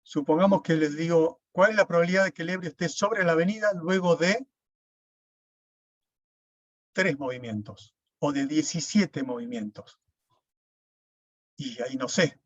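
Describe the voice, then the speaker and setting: Guy teaching a class online, slightly high voice, dry dull mic. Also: normal speed, pauses often, dry recording. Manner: explains step by step, with frequent "¿sí?" checks. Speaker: lecturer. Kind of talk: recorded online class lecture.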